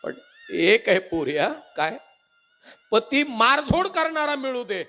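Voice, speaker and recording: A man's voice: extremely high pitch, very animated, slow pace, pushed and bright, pitched above the performer's own voice, heavily acted. A man voicing a tender old village mother who pleads with her daughter, his voice breaking with emotion. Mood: earnest.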